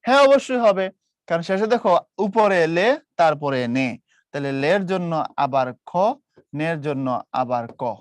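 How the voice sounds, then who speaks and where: Man teaching a lively class. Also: a little high, measured pace, no echo. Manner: explains patiently with questions to students, mixes English words; counts out loud, repeats key points. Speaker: online tutor. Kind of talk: live online class.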